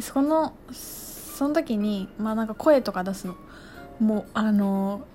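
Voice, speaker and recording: A woman, casually talking through her feelings in an animated, expressive way. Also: fairly high pitch. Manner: animated, acts out her own outbursts and shouts. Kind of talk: casual spiritual monologue.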